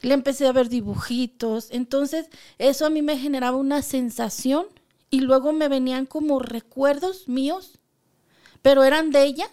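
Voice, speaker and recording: Woman, high voice, podcast guest, chatty storyteller who acts out every line of dialogue. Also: moderate pace. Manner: animated, acts out quoted dialogue. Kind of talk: conversational storytelling.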